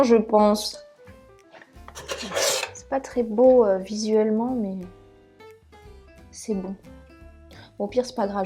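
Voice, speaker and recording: A woman's voice: mid-range voice, mellow. A woman hosting a live cooking stream with a put-on southern French accent, chatting casually and thinking aloud as she works in her kitchen, often laughing at her own mistakes. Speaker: cooking channel host.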